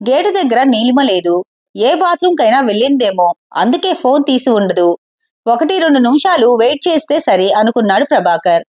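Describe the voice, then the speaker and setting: A woman storyteller doing scripted narration of an audio story. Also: fairly high pitch.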